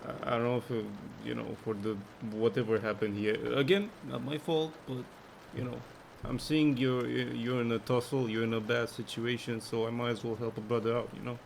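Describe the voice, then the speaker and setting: A man playing a gravelly stoner drifter. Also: medium pitch, steady tone, moderate pace, a little hiss or hum, lightly acted. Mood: placating. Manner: drawling slang, "yo" and "man". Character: mellow male stoner drifter, shady.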